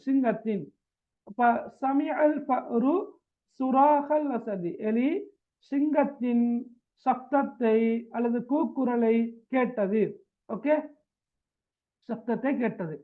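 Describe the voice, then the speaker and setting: A man teaching an Arabic text in class, repeating each phrase and asking students to check they follow. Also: very high voice. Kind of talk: classroom translation lesson. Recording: tinny phone-like sound.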